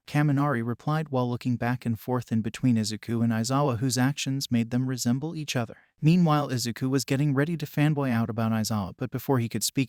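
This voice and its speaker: Flat synthetic male story narrator. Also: medium pitch, no echo, clean studio sound. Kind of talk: reading fan fiction aloud.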